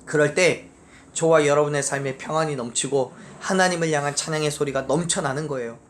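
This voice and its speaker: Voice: steady tone, brisk, a little hiss or hum. Emphatic preacher leading a church sermon. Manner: emphatic, pitch leaps up on key phrases then drops low; leads the congregation in scripture reading, answering with amen. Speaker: pastor. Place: church sanctuary.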